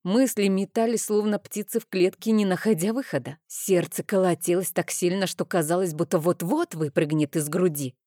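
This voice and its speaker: A woman's voice: on the low side, moderate pace, hardly any pauses, dark tone, dry recording, clean studio sound. A woman narrating a novel in the first person, reading expressively and with feeling. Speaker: audiobook narrator.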